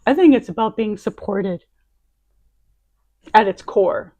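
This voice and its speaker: A woman speaking slowly and thoughtfully in a casual chat, laying out her ideas in short, measured phrases. Her voice sits at an ordinary middle pitch. The recording is close and dry, with no room sound. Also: animated, mellow, dry recording. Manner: reflective, thinks aloud in short phrases. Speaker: co-host. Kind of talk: casual conversation.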